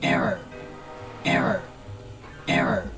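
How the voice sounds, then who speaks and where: A man voicing a glitching robot agent in a video game, with a robotic filter and a monotone delivery of repeated error messages. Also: slow. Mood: malfunctioning. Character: glitching robot agent reporting in, cold and mechanical. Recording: game audio under loud music.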